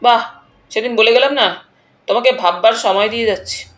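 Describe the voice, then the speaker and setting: A woman's voice: a little high, fairly quick, lightly acted. A woman reading the part of a blunt, pushy young male suitor who presses hard with challenging questions. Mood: insistent.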